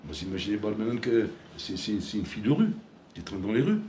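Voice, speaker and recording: French-speaking rabbi in an echoey room. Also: male voice, fairly low pitch, animated, fast talker, a little mellow. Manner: conversational, repeats words, mixes in Hebrew terms, acts out everyday scenes. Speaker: rabbi giving a Torah class. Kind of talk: sermon. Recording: echoey room with faint ambient noise.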